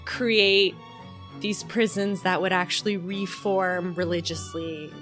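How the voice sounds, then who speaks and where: A woman's voice: fairly low pitch, fairly even intonation, slow, a bit bright, soft background music. A woman co-hosting a podcast, telling stories in a meandering way full of fillers. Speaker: podcast co-host. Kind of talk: casual podcast chat.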